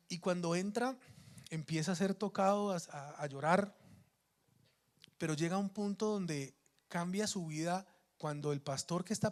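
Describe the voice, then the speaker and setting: High-voiced man preaching a story. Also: darkish tone. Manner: storytelling, emphatic, with frequent restarts. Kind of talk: sermon.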